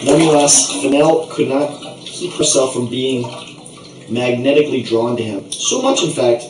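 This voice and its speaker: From a bathtub, a man with a medium-pitched, expressive, slightly mellow voice narrates an improvised comic puppet show at normal speed, playful, rambling and theatrical. The bathroom echoes, the distant mic is noisy, and water sounds come through.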